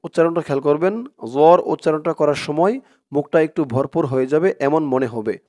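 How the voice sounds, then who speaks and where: A man teaching Quran reading, slowly reciting verses and then explaining pronunciation in quick asides. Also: fairly high pitch, a little mellow. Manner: slow drawn-out recitation alternating with quick explanations. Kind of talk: recitation lesson with call-and-repeat.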